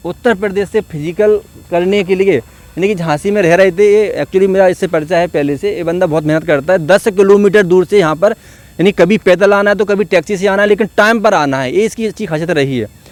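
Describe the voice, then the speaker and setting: A man's voice: high voice, brisk, no echo. A man, a coach giving an earnest, encouraging motivational talk to his students at an outdoor gathering. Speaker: coach at a police exam academy.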